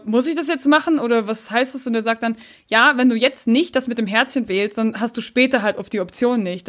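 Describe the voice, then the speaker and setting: A young woman chats casually about games. Her voice sits somewhat high, and she tells stories animatedly, with plenty of laughter. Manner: animated storytelling, imitates voices, laughs often. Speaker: podcast guest. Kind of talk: casual gaming podcast chat.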